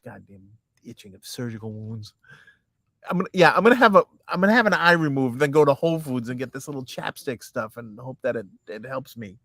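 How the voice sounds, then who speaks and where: A man's voice: medium pitch, animated, a little fast, sharp tone, dry recording. A man co-hosting a casual podcast, joking and often restarting his sentences. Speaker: podcast co-host. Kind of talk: casual chat.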